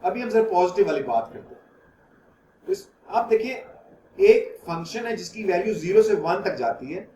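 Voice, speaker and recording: A man's voice: sits high, very animated, normal speed, mellow, echoey room. A man teaching a math class, explaining patiently step by step and checking whether his students follow. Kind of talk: online class lecture.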